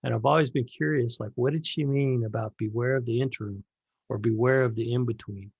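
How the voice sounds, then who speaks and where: Gravelly man, dull dry recording. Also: mid-range voice, fairly even intonation, a little fast, a little mellow, no echo. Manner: rambling, storytelling, frequent restarts. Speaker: podcast host. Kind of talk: casual conversation.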